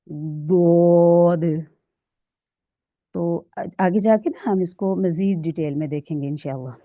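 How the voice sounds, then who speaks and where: Woman teacher going over letter sounds slow and careful, dull lo-fi sound, dry. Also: on the low side, warm tone, no echo. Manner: demonstrates letter sounds slowly, often checks understanding. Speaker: Quran recitation teacher. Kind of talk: recorded tajweed lesson.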